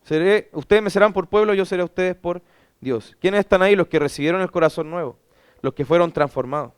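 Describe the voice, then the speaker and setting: A man's voice: high-pitched, brisk, clean tone, no room sound, clean studio sound. A man, a pastor, teaching a Bible class; he reads scripture aloud and asks rhetorical questions that he then answers himself.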